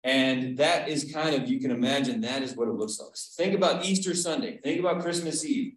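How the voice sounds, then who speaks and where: A man with a mid-range voice and a slightly quick pace leads a relaxed Bible study on a video call, recorded in a very echoey room. He keeps it conversational, poses questions to the group, and often says "right?".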